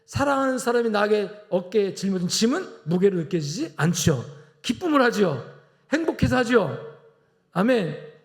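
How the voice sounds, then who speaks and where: Gravelly-voiced male pastor preaching. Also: high voice, big pitch swings, moderate pace. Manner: impassioned preaching, swelling to loud exhortation; acts out Jesus and Peter in quiet, tender asides. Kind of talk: sermon. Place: church sanctuary.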